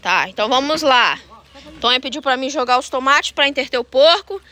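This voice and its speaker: A high-pitched woman chats to her viewers while she films outdoors on a farm with her phone. Her voice is bright and clear, and she keeps coaxing the animals with quick repeated calls. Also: expressive. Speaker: vlogger. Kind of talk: casual farm vlog.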